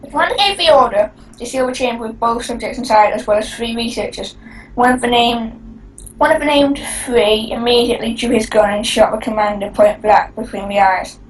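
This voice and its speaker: Brief: female co-host, fairly high voice, stumbling casual read, picked up from a distance, faint noise. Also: fairly quick. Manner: stumbling, restarting words. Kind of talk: casual creepypasta reading.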